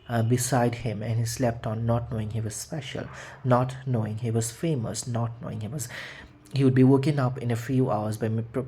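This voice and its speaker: A man reads a children's fantasy audiobook aloud, often slipping up and starting over. His mid-range voice is mellow, and a faint hiss or hum can be heard.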